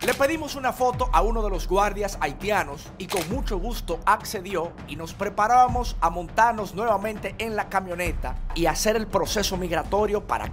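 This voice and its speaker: Brief: male narrator, earnest and measured, animated pitch, music underneath. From Dominican Republic. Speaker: vlogger narrator. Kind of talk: reflective voice-over narration.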